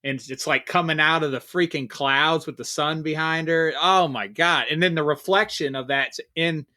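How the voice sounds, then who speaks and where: A man co-hosting a podcast in casual chat, eager and quick to laugh. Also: on the high side, pushed and bright. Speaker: podcast co-host.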